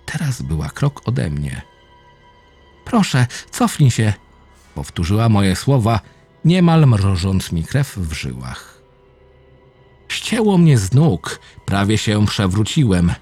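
A man reading a first-person horror story aloud, low and intense with dramatic swings. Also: big pitch swings, takes it slowly, a little mellow, slightly rough. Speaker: narrator. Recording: faint music behind the voice.

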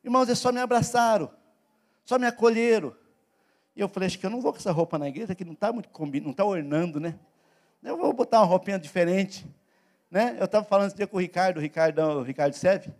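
A man's voice: high voice, fast talker, darkish tone. A man from Brazil, preaching as pastor in a church service, talking in a conversational way that swells into emphatic calls. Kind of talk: sermon.

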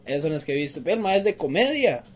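Young man, Costa Rican accent, high voice, casual banter, soft music underneath. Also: racing. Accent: Costa Rican Spanish. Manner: joking, animated storytelling with slang. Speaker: podcast co-host. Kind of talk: casual chat.

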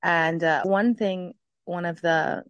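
A woman's voice: on the low side, steady tone, slow, dry recording, lo-fi sound. Woman telling her story, dry sound. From Canada. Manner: narrative, recounts events step by step. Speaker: guest, mother. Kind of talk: casual interview storytelling.

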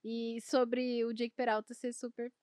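A woman's voice: on the high side, little pitch movement, unhurried, darkish tone, no room sound, studio quality. A Brazilian woman hosting a podcast, chatting in an enthusiastic, opinionated way. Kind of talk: casual chat.

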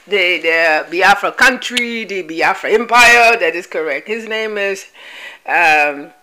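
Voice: medium pitch, bright, forceful tone, poor audio. A vlogger giving casual news commentary, repeating points and spelling out names like a teacher, with frequent laughs. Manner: laughs often.

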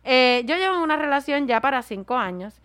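A woman's voice: high voice, a little fast. A woman co-hosting a casual podcast, reading listener messages aloud and acting out the voices she quotes. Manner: animated, acts out quoted voices. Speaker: podcast co-host.

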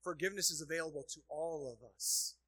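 A pastor preaching a sermon, who repeats key phrases and swings between hushed low passages and loud emphatic peaks. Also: male voice, fairly quick, breathy edge, no echo. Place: church sanctuary.

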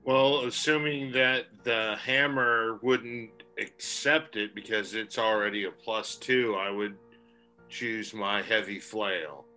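Man, game player, low-ish pitch, very slow, forceful bright voice, casual table talk. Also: fairly even intonation, soft background music, low-quality recording.

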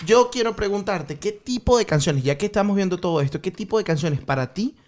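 High, lively-voiced teasing male host. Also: fairly quick. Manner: playful, teasing. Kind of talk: casual chat.

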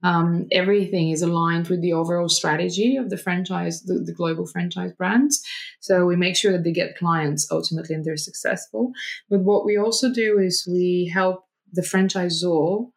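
A Bulgarian woman, a marketing agency director appearing as a guest, gives conversational interview answers in her native-accented speech; Bulgarian is her first language. Her lower voice has vocal fry and a steady tone at a moderate pace, and she explains fluently despite frequent ums and restarts. The recording is rough.

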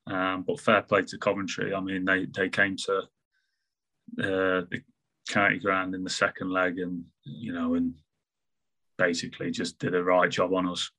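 A former footballer with an English Midlands accent, talking in a casual podcast interview with halting, restarting sentences. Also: male voice, deep voice, completely flat delivery, pushed and bright, rough recording. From England. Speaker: football manager and former player.

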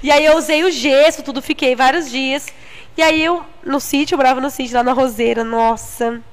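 A young woman telling funny stories in a casual chat with friends, talking loud and animated, laughing as she goes. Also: high-pitched, a little fast. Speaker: storyteller in a group chat.

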